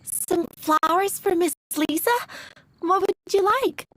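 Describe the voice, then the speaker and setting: A woman's voice: very high-pitched, takes it slowly, fairly bright tone, dry recording, heavily acted, rough recording. A woman voicing a sweet, timid young female flower seller in an anime game, polite, earnest and a little hesitant. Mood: polite, cheerful. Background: faint music.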